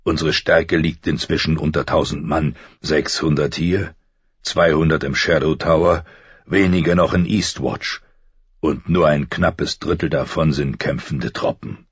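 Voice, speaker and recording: A man voicing a stern, weary old military commander with a deep, gravelly voice. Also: steady tone, a little slow, no room sound, muffled recording, full character voice.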